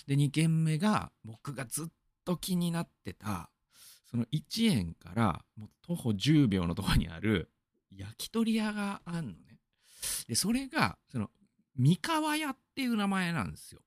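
A man's voice: a little high, wildly swooping pitch, normal speed, no echo, studio quality. A man from Aichi in Japan hosting a radio show, rambling through a casual monologue full of fillers and asides.

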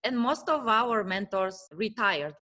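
Woman hosting a business talk show, friendly, keeps saying yeah definitely, average pitch. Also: animated, a little slow, pushed and bright. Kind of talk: casual interview talk.

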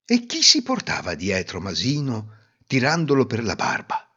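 A man narrating a folk tale in an expressive storytelling manner. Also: medium pitch, moderate pace, slightly rough. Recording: roomy reverb, dull lo-fi sound.

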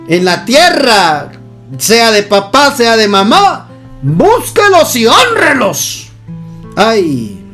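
High-voiced impassioned male preacher. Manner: impassioned, swings between loud exclamations and slow emphatic phrases. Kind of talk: sermon.

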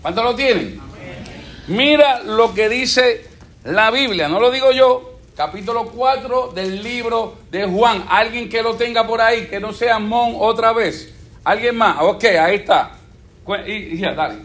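A man's voice: high-pitched, unhurried, a bit bright. A man preaching a sermon, quizzing his congregation with questions and repeating phrases. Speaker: pastor. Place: church sanctuary. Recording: echoey church room.

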